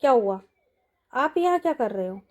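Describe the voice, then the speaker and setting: A woman voicing a caring young woman assistant who speaks gently and asks questions. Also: on the high side, animated, moderate pace, close to an everyday voice.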